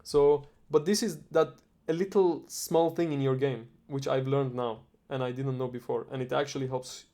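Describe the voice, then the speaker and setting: A man from Iran in a casual chat, relaxed and rambling, swearing often. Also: medium pitch, normal speed, hardly any pauses.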